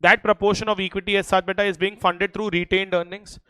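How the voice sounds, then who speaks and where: A male teacher with an Indian accent delivers a revision lecture in a high, clear voice. The sound is close and dry, and his delivery is emphatic, often pausing to check that the class follows. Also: flat delivery, bright, forceful tone, no echo. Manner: emphatic, repeatedly checking in with students. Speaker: accountancy teacher.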